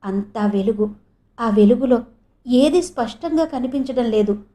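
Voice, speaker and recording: A woman narrating a novel as an audiobook in a measured, expressive storytelling manner. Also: a little high. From India.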